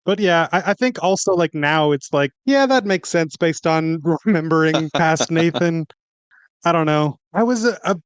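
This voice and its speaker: A man's voice: fairly high pitch, expressive, moderate pace, hardly any pauses, smooth, dry recording. A man playing in a tabletop game, rambling and hesitant as he talks. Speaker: player. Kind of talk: tabletop game session chat.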